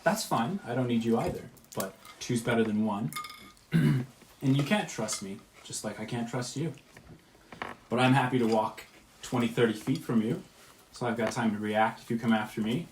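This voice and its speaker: A man voicing a sly, calm female dryad scout who carries a rifle, with a dry, quietly teasing way of talking, recorded in a roomy space with faint noise. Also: medium pitch, moderate pace, close to an everyday voice.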